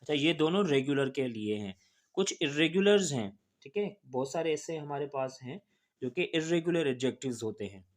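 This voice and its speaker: A male teacher from Pakistan explains grammar step by step. He talks patiently and repeats himself, spelling each word out letter by letter. He keeps pausing to make sure the listener is following. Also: fairly high pitch, expressive. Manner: often checks in with the listener.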